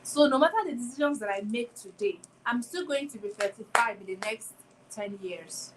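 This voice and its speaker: This solo motivational talk comes from a female podcast host in her twenties whose pitch is fairly high and whose pace is moderate. She reflects aloud, leaning again and again on rhetorical questions, in a very noisy recording.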